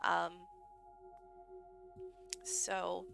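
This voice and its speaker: A woman's voice: lowish voice, completely flat delivery, extremely slow, vocal fry, a bit bright, soft background music. A woman streamer reading a visual novel aloud with chatty, laughing asides, her throat drying out. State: voice going hoarse, throat dry.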